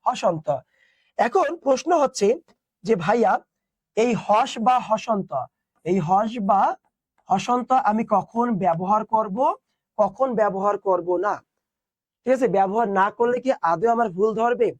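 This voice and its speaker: Young man, high voice, dry close sound, teacher quizzing students. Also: unhurried, long pauses, no room sound. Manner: explains step by step, asks students questions. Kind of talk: online class lecture.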